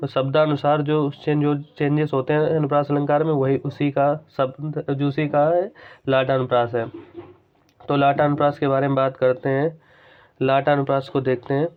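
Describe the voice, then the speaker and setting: Hindi teacher with a tinny phone-like sound. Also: male voice, fairly high pitch. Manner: explains patiently, repeats key terms, slows to recite examples. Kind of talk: exam-prep grammar lesson.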